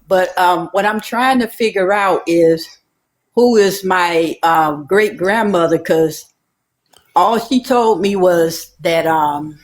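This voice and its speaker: A woman from Alabama calling in to a live show, hesitant and pausing often. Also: on the low side. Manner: hesitant, lots of pauses and fillers. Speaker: caller. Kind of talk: casual call-in.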